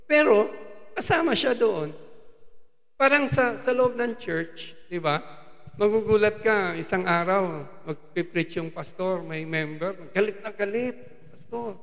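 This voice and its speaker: A man's voice: sits high, measured pace, creaky, a bit bright. A man with a Filipino accent preaching a sermon as a lay preacher, slipping English phrases into his Tagalog. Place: church hall. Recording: long hall reverb.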